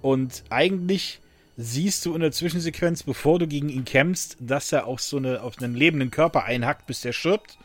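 A man's voice: fairly high pitch, moderate pace. A man hosting a casual podcast, talking loosely with many fillers and restarts and laughing often. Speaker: podcast host.

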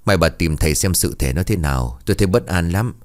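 A man's voice: sits low, lively intonation, fast. A man voicing a worried older village husband who pleads with his wife. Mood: uneasy. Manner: uneasy, pleading.

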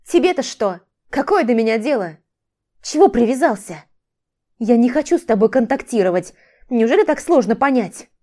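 A woman voicing a furious young ex-wife in an audiobook, snapping back with indignant, sharp retorts. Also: on the high side, very animated, moderate pace, pitched above the performer's own voice. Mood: angry.

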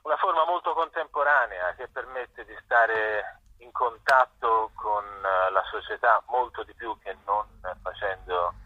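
A middle-aged man with a low, slightly breathy voice and no echo answers interview questions conversationally, hesitating and repeating himself as he hunts for words. He's a visual artist, and the recording has a dull, telephone-like radio sound.

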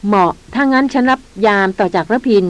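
A woman narrator voicing an easygoing young nobleman adventurer who talks in a relaxed, teasing way in an audiobook. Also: fairly high pitch, fairly quick, natural voice.

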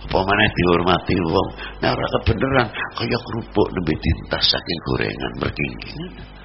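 A man with a Javanese accent preaching a sermon, swinging between loud exhortation and low murmurs. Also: vocal fry. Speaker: Islamic preacher. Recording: dull lo-fi recording with noise.

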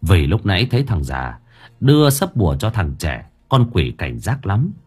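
A man reads a story aloud in a low, husky voice that rises and falls with lively energy. His telling is animated and full of colour, carrying the action along. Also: moderate pace, faint music behind. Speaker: audiobook narrator. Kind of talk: storytelling narration.

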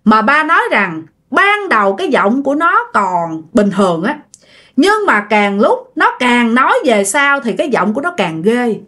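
Lively Southern Vietnamese woman storyteller. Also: fairly high pitch, normal speed. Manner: chatty, addresses listeners directly. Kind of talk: casual ghost story narration.

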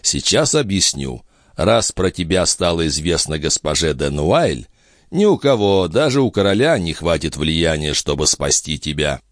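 A worldly old duke talks down with dry irony, as a male narrator acts him out. The voice is low and close, with no room around it. It rises and falls with amused condescension. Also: animated, normal speed, dry recording. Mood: condescending. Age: older. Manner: ironic, condescending.

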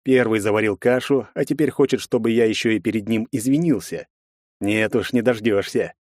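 A man narrating a first-person fantasy audiobook in a measured storytelling manner. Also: fairly low pitch, darkish tone, dry recording, studio quality.

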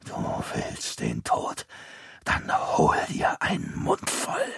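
A man voicing a gaunt, dying old grandfather in a slow, breathy, almost voiceless whisper for an audiobook. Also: slight background noise. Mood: menacing whisper. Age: older. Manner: slow, drawn-out, menacing hush. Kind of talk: audiobook character voice.

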